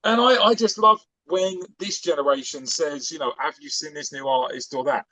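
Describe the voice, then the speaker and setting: A man's voice: fairly high pitch, moderate pace, bright, forceful tone, no room sound, rough recording. A man in his forties chatting on a podcast as a guest, rambling and enthusiastic, with plenty of fillers. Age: 40s. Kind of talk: casual chat.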